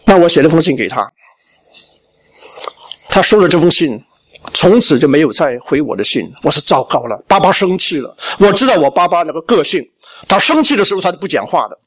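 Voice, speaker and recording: A man's voice: a little high, very animated, fairly quick, pauses often, breathy edge. A middle-aged male pastor from Shandong, telling his life story in a sermon and acting out the family talk. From Shandong, China. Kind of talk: sermon testimony.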